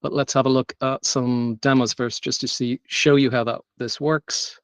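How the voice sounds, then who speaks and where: A man's voice: medium pitch, flat delivery, moderate pace, smooth, dry recording. A man giving an unscripted technical meetup presentation, talking loosely with many ums and restarts. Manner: loose, filler-heavy delivery with frequent ums and restarts. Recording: dull lo-fi sound.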